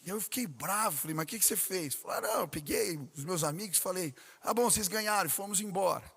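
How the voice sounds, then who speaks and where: A male pastor preaches a sermon and tells a family story, acting out each voice in it. His voice sits on the higher side for a man. The sound carries the long reverb of a large church hall. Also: fast talker, creaky, a bit bright, husky. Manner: storytelling preacher, acts out dialogue with rising intensity.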